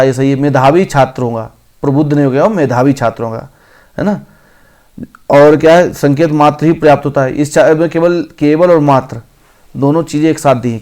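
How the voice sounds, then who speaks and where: A man teaching an exam-prep grammar lesson. He reads each option aloud slowly, then corrects it. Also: fairly high pitch, a little mellow.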